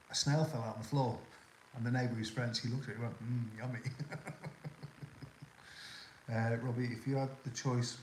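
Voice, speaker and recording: Answering viewer questions on a casual live chat, an older man with a mild Scouse accent from the Liverpool area rambles along, restarting often and saying "um" a lot. His pitch is medium. The low-quality recording is echoey, with slight hiss or hum.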